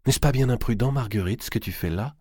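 A man's voice: mid-range voice, fast talker, a little mellow, husky, no echo, clean studio sound, voice pushed up, lightly acted. Pampered young princess voiced by a male reader, raised cooing voice, audiobook. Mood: coy.

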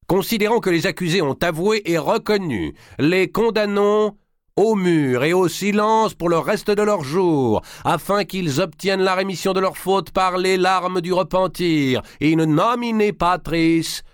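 A man reading aloud voices a haughty church legate who pronounces a sentence in a pompous, slow declamation. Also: sits high, no echo, clean studio sound, pitched above the performer's own voice.

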